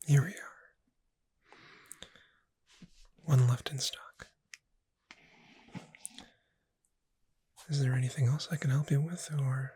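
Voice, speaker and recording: This soft-spoken ASMR roleplay features a performer as a friendly witch bookseller, whispering breathily in a gentle, unhurried, faintly wry manner. The mid-range voice has fairly even intonation and a helpful, relaxed mood.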